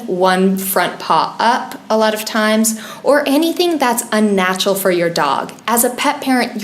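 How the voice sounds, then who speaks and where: A woman co-hosting a podcast about pets, explaining care tips in an earnest, easygoing way and laughing readily. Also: mid-range voice. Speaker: podcast co-host, pet wellness expert. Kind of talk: casual podcast chat. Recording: roomy echoey podcast recording.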